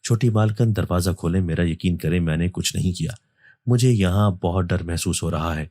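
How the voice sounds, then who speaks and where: A man's voice: low-pitched, dark tone, dry recording, studio quality. A man voicing a frightened young maid who pleads for mercy. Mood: pleading.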